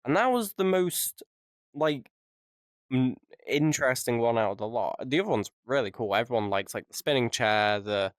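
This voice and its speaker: A man co-hosting a podcast chats casually, thinking aloud as he goes. His mid-range voice has lively intonation and normal speed, captured in a dry recording with clean studio sound.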